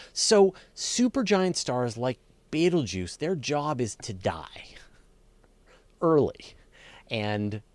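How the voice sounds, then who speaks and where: Hosting a live astronomy Q&A, a man with a fairly low-pitched voice explains things off the cuff using plain examples and leans on key words for emphasis. The sound is dry, with no echo.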